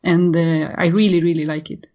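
Her fairly low voice stays level in tone at a moderate pace as this Swedish woman in her thirties chats as a podcast guest. She speaks with a Swedish accent and sounds hesitant, full of fillers and false starts, in a casual interview. Muffled, lo-fi audio.

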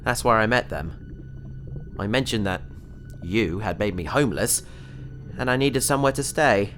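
Soft music plays behind a slightly bright, low-leaning, unhurried male voice. It belongs to an actor in a sci-fi audio drama playing a naive, cheerful young man trapped in an alien's fish tank, who breezily rambles and self-justifies his way around trouble.

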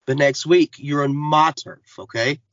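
Podcast regular, male, higher pitch, irritable and sarcastic, dry close sound. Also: a little slow, a bit bright, no echo, lo-fi sound. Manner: angry, sarcastic. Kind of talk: casual podcast chat.

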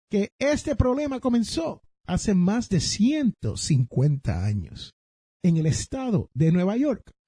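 A Puerto Rican man hosts a finance podcast and tells his stories with energy, speaking straight to his listeners. His voice sits high, with a mellow, husky tone. The sound is close and dry. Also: no echo. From Puerto Rico. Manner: animated storytelling, addresses listeners directly. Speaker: podcast host. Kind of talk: personal finance talk.

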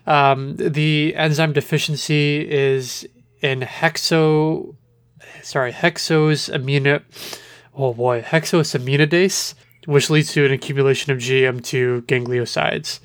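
A man's voice: a little high, steady tone, unhurried, a bit bright, clean tone, no room sound, studio quality. A man co-hosting a casual educational podcast, answering questions in a loose, hesitant way and stumbling over long medical terms. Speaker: podcast co-host.

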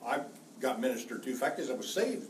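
An older man from Kansas chatting casually in a halting, reminiscing way. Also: mid-range voice, big pitch swings, roomy sound. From Kansas, United States. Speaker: class member. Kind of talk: casual chat. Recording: distant mic, noisy room.

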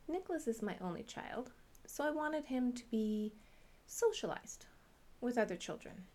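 A middle-aged woman and parent hosting a podcast, telling her family's story in measured, earnest scripted narration. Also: medium pitch, a little mellow.

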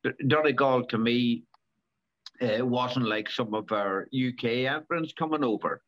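Halting older man in a lo-fi interview. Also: medium pitch, fairly bright tone. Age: 70s. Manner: halting, repeats words, many fillers. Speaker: rally driver guest. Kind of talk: casual interview. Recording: dull lo-fi recording.

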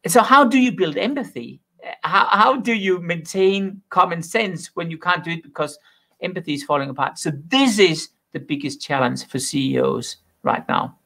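A man's voice: high voice, moderate pace, gravelly, sharp tone. A man from Denmark, an author answering interview questions in an opinionated way and making bold claims. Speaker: author and guest.

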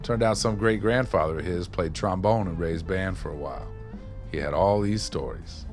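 An actor voices a wry, streetwise ex-maintenance man in a radio play, reminiscing through folksy, colloquial stories. He speaks in a low voice close to his everyday one, at a moderate pace, with faint music behind.

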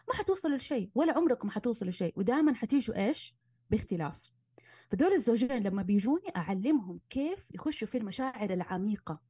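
A woman, a marriage and family therapist giving animated advice in casual conversation and slipping in English terms. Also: medium pitch, husky, no room sound. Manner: animated, acts out arguments, mixes in English terms.

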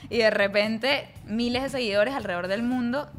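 A young Venezuelan woman with a Venezuelan accent, a guest in a casual interview, telling stories in animated, quick bursts. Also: on the high side, slight background noise. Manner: animated storytelling, fast bursts. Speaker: guest speaker.

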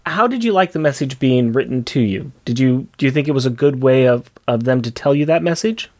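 A man's voice: medium pitch, animated, brisk, darkish tone. A man talks casually as a podcast co-host. He often repeats a phrase to stress it, in an easy conversational register.

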